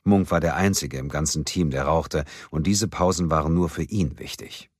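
Deep, husky male audiobook narrator. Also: normal speed, no echo, clean studio sound. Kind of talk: scripted narration.

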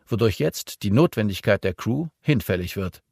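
Ein Mann spricht in einem Hörbuch einen kühlen, sachlichen Bordcomputer, knapp und nüchtern. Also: male voice, fairly low pitch, expressive, moderate pace, creaky, darkish tone, breathy edge, dry recording, studio quality, heavily acted. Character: terse male ship computer, cold and factual.

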